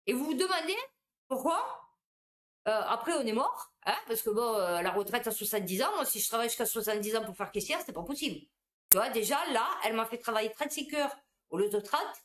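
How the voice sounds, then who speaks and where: A woman, a supermarket cashier, telling anecdotes in a casual, animated monologue. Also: fairly high pitch, fast.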